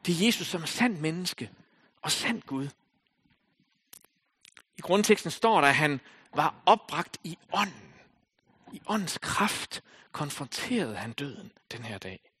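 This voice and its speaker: A man preaching a sermon in a slightly husky voice. He speaks with a lively, wide-swinging pitch, climbing into loud calls and then falling to hushed, almost whispered lines as he reads scripture and talks it through. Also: pauses often. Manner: expressive, rising to loud calls and dropping to near whispers. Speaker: pastor.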